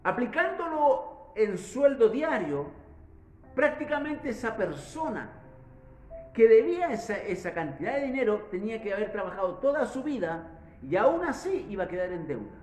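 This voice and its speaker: A Chilean man preaches in a strikingly high, lively voice, retelling a parable with frequent restarts and doubled words. The room around him is echoey, with a clear reverberant ring. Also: normal speed. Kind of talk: sermon.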